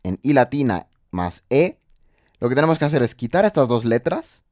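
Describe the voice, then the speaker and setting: A man's voice: medium pitch, big pitch swings, moderate pace, a little mellow, no room sound, studio quality. A man teaching English grammar, explaining rules step by step and checking in with his viewers through rhetorical questions.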